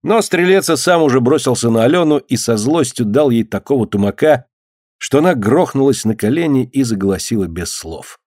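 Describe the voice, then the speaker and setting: A man reading scripted narration of a story in a steady, even storytelling manner. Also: mid-range voice, brisk, no room sound, studio quality. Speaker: audiobook reader.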